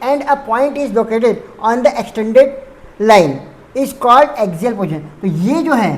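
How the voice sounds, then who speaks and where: A woman's voice: a little high, darkish tone. A woman teaching a physics lesson. She explains step by step, repeats terms and corrects her own slips.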